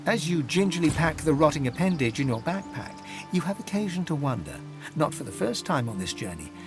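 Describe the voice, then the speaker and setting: A man narrating a fantasy video game in the second person, with measured, dramatic storytelling. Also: on the high side, very animated, over music.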